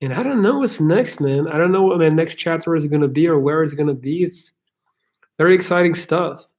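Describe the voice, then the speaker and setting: A man's voice: a little high, a little fast, darkish tone. A man from Belgium with an American accent, hosting a casual live chat and answering viewers' questions in a frank, rambling way that restarts often.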